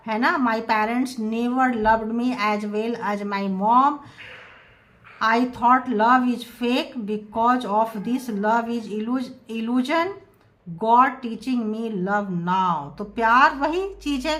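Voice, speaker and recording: A woman giving a channelled tarot reading to her viewers, mixing English phrases into her talk and reading out messages slowly. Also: sits high, fairly bright tone. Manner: mixes English phrases into Hindi, reads out slow English messages. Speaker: tarot reader.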